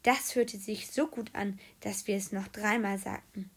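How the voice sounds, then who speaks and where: A woman narrating a children's audiobook in a lively storytelling manner. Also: medium pitch, unhurried, breathy edge. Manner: lively storytelling, voicing characters.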